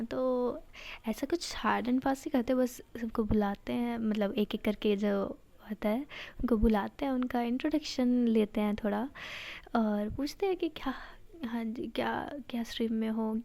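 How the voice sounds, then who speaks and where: A woman's voice: fairly high pitch, gravelly, warm tone. A woman telling a romance story in a casual, chatty way, dropping in English phrases.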